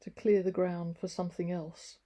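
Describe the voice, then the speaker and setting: A woman voicing Jesus as a calm, patient grown man who explains things gently and thoughtfully in a storybook reading. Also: high-pitched, moderate pace. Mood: calm explaining.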